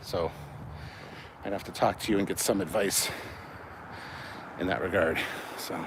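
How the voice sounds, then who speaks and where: A low-voiced Canadian man, breathless from walking outdoors, hosts a livestream with fairly even intonation and an unhurried delivery. His chat with viewers is casual and rambling, with swearing and comments read out and answered. The recording is noisy with vehicle sounds.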